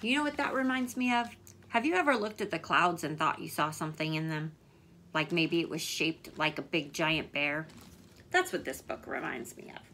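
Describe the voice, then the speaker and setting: A woman's voice: sits low, moderate pace, sharp tone, slight background noise. A woman hosting a children's story time, asking young listeners questions and praising their answers like a teacher.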